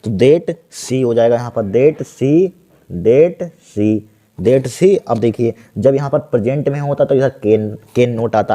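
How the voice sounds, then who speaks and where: Male tutor, exam-prep lesson, mellow low-toned voice, repeats each word as he writes it. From India. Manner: repeats words slowly while writing, asks and answers himself. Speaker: teacher.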